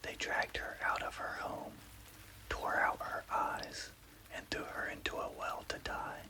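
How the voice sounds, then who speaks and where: A man tells a scary story as ASMR, using an unvoiced, breathy whisper. His delivery is careful and scripted, and a little slow.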